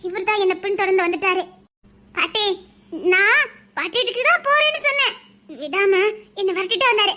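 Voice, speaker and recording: A young wife pleads and protests, played by a woman. Her voice is high and bright, with a Tirunelveli Tamil accent. It is family drama acting. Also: brisk, pauses often. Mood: pleading.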